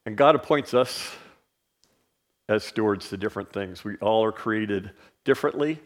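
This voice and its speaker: In a lowish voice at a moderate pace, a man whose first language isn't English teaches the Bible in an easygoing manner, peppering his talk with fillers and repeated "right?" checks.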